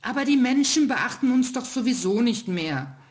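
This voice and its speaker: Casting: a woman playing a small sulky star in a storybook, raised pitch, defiant whine. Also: very animated, normal speed.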